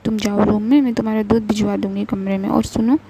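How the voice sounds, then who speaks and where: A woman voicing a caring, gently firm middle-aged mother who coaxes and soothes. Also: mid-range voice, fairly even intonation, fast, gravelly, slightly rough. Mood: coaxing. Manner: soothing, coaxing.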